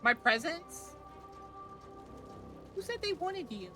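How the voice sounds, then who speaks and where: A woman streamer chatting through live gameplay with a high, bouncy voice that swings widely in pitch. She talks in an unhurried way and keeps breaking into loud, playful tsundere-style protests. Soft music plays underneath. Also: sing-song.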